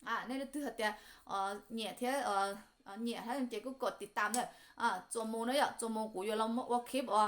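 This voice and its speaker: A woman teaching a spelling lesson, sounding out syllables slowly and repeating each one with many fillers. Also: fairly high pitch, steady tone. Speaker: language teacher.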